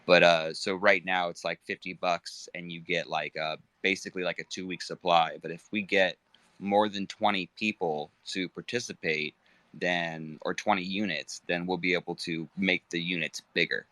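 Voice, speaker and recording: A man co-hosting a casual online chat, halting and full of fillers. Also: low voice, fairly even intonation, pushed and bright, no room sound. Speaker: co-host.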